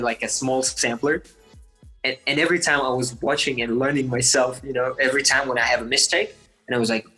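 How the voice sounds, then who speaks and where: A man's voice: medium pitch, pushed and bright, poor audio. Eager young man telling stories. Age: 20s. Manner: eager storytelling, full of likes and restarts. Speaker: guest athlete. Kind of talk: casual interview chat.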